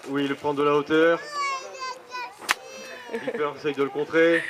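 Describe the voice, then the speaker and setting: A man doing live play-by-play as a wrestling commentator, excitable and exclamatory. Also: fairly high pitch, unhurried, noisy background.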